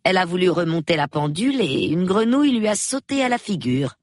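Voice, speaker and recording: A woman doing a soft-spoken elderly spinster sleuth. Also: lowish voice, very animated, dry recording, clean studio sound, pitched above the performer's own voice. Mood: mild. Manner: soft, measured, murmuring.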